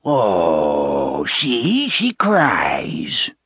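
A man's voice: sits low, huge pitch swings, drawn-out words, a bit bright, breathy edge, no room sound, studio quality, pitched below the performer's own voice, full character voice. A man voicing a group of spiteful old nuns who mock and jeer. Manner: mocking, jeering.

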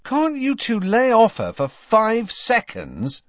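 A man's voice: medium pitch, wildly swooping pitch, unhurried, darkish tone, dry recording, muffled recording, full character voice. A man voicing a defensive teenage boy in a raised, irritated tone.

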